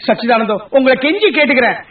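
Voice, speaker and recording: A whiny bumbling sham swami. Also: male voice, extremely high pitch, very animated, fast, recorded from a distance. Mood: panicked. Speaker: comic fake holy man. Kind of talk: comedy film dialogue. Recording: tinny lo-fi echoey film audio.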